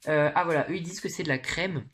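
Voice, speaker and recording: A woman's voice: sits low, fast. A woman chatting informally and candidly to viewers in a slangy, casual makeup haul vlog, recorded in her bedroom. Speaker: beauty vlogger.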